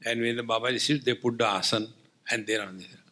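A man's voice: medium pitch, fairly even intonation, fast talker, sharp tone. A man with an Indian accent giving a spiritual discourse as a swami, telling humorous anecdotes in a wry, teasing way with rhetorical questions.

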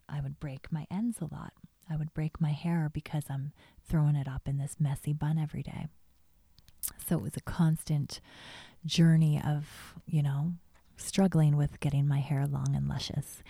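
Whispering woman with a gravelly, dark tone. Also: sits low, no room sound. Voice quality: soft whisper. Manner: gentle, chatty, trails off. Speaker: beauty vlogger. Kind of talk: whispered ASMR beauty tips.

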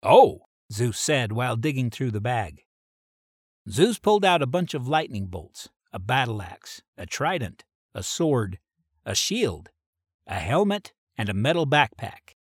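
Brief: male storyteller, lively intonation, dry studio-close sound, plain read-aloud delivery. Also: mid-range voice, a little slow, breathy edge, dry recording. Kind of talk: reading an original myth adventure story aloud.

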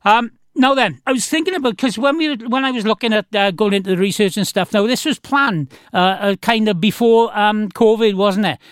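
High-pitched Welsh Valleys man, chatty and effusive. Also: a little fast, few pauses, clean tone, no room sound, studio quality. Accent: South Wales Valleys. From South Wales Valleys. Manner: effusive, matey, rambling. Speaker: radio host, interviewer. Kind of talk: casual chatty interview.

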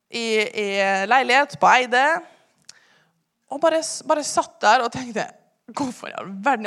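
Earnest higher-voiced young woman testifying. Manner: earnest storytelling, often dropping to a hushed voice. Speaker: church member giving testimony. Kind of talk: personal testimony to a congregation.

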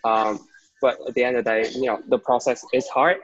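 A man's voice: mid-range voice, flat delivery, a little fast, no echo. A young man from Vietnam, a guest in a casual interview, talking hesitantly with many restarts and fillers. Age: young adult. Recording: dull, dry recording.

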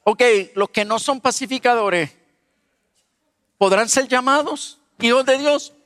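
Man, pastor, preaching sermon, humorous, unhurried delivery, dry close voice with a long hall tail. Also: very high-pitched. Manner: animated, humorous, asks the audience questions. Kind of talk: sermon with personal storytelling.

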